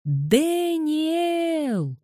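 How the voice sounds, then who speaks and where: A woman voicing a shrill clingy little girl. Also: sing-song, very slow, dark tone, no echo, studio quality, heavily acted. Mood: calling out. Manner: pleading and shrieking. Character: whiny six-year-old girl, clingy and shrill.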